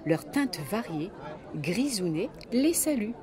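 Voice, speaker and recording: A woman reading a children's storybook aloud in an expressive, animated way, with swooping emphasis. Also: medium pitch, takes it slowly, a crowd in the background. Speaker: storybook reader. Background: background music.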